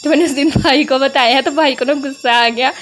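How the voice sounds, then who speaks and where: A woman's voice: sits high, steady tone, a little fast, a bit bright, soft background music. A young Pakistani woman with an Urdu accent touched by Punjabi, chatting through a vlog voice-over and stopping often to laugh. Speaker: vlogger. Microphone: voice-over mic.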